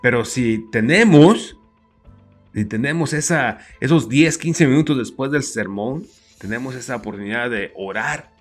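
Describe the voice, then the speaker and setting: A man's voice: medium pitch, unhurried, soft background music. A man hosting an interview, speaking in hesitant, stammering asides to his viewers. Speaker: interview host. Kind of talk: casual interview chat.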